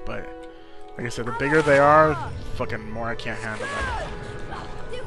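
Sweary man rambling over game music. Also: medium pitch. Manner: sweary, blunt, slangy. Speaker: video game player commentator. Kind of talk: casual gameplay commentary, rambling. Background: video game music.

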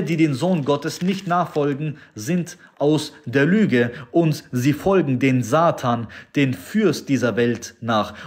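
Man preaching emphatically with repetition. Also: medium pitch. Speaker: lay preacher. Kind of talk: Bible reading and sermon.

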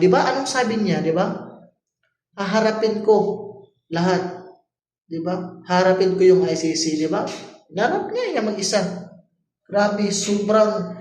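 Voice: medium pitch, a little mellow. A vlogger from the Philippines speaks casually but with insistent emphasis, throwing rhetorical questions at the viewers again and again. The voice sits in the middle range. The room has a noticeable echo. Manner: emphatic, rhetorical, keeps asking "di ba?". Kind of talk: casual opinion vlog.

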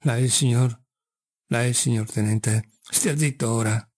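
A man putting on a hushed, menacing burly baker. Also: fairly even intonation, no echo, clean studio sound. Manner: threatening in a low, slow undertone.

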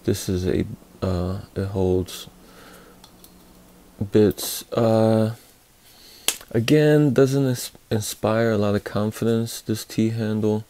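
Reviewing a hand tool set in a casual, hands-on way, this man hesitates a lot, filling pauses and restarting his sentences. He has a lowish, creaky voice with a warm tone.

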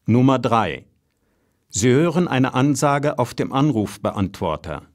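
A man's voice: medium pitch, very animated, a little slow. A man reading out scripted exam announcements as a narrator.

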